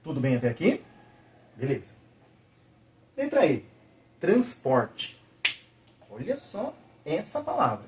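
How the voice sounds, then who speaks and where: A man teaching a video lesson, patiently checking in with the viewer and slowly sounding out each syllable. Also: a little high, huge pitch swings, slight background noise.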